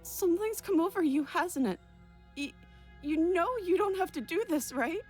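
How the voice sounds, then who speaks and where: A woman voicing a young captive princess in a video game, soft-spoken, calm and pleading, in a cartoon princess manner. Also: very high voice, moderate pace, faint music behind. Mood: soft, wary.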